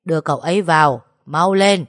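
A woman's voice: deep voice, measured pace, no room sound, studio quality. A woman voicing a stern old village man who barks curt, scolding orders. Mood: gruff urgent.

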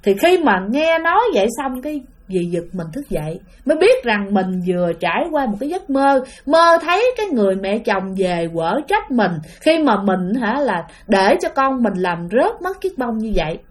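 A woman's voice: on the high side, big pitch swings, normal speed, few pauses. A woman with a Southern Vietnamese accent telling a ghost story in a chatty way, often addressing her listeners directly.

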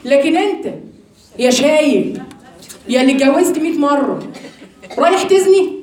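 A woman with an Egyptian accent giving a religious lesson to women, animated and full of rhetorical questions to her listeners. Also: high-pitched, normal speed. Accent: Egyptian Arabic. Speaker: religious teacher. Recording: very echoey room from far off mic.

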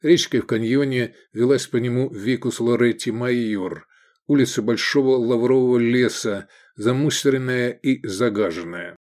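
Measured and expressive, a man's mid-range voice carries the scripted narration of an audiobook.

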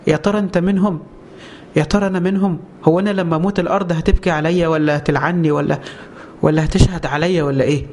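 A man's voice: on the high side, darkish tone. A man with an Egyptian Arabic accent preaching a religious lesson, firing rhetorical questions and answering them himself with passion.

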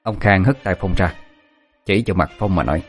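A man with a low voice tells a dramatic story in steady, scripted narration. He, and faint music plays behind him. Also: fairly quick.

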